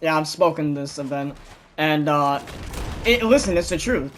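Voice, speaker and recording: A young man tells stories to his friends over a gaming voice chat, animated and quick to swear, and he loudly mimics the people he talks about. His voice sits a little high. Faint noise runs under the recording. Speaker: gamer chatting with friends.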